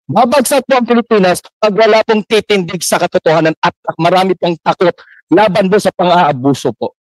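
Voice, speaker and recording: A man's voice: high-pitched, fairly quick, dry recording, low-quality recording. A man, a church minister, giving impassioned, deferential testimony at a formal public hearing. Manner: impassioned, deferential, heavy use of polite particles.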